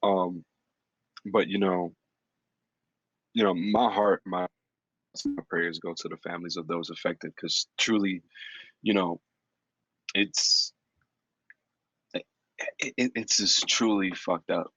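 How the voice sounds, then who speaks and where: A man chatting on a podcast with a very low, husky voice. He rambles with frequent ums and casual cursing. The sound is dry and somewhat dull. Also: steady tone, slow pace, long pauses, a bit bright. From Dominican heritage. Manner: loose, profane, thinks aloud with many ums. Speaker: podcast host. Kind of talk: casual chat.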